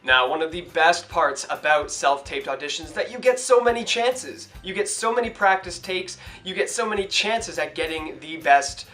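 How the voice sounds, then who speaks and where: A man's voice: on the high side, animated, normal speed, few pauses, sharp tone. A young man from Toronto, an actor, giving chatty hands-on advice in a casual how-to vlog, filmed at home. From Toronto, Canada. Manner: upbeat, chatty, hands-on demonstrating. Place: home room in front of a hung sheet.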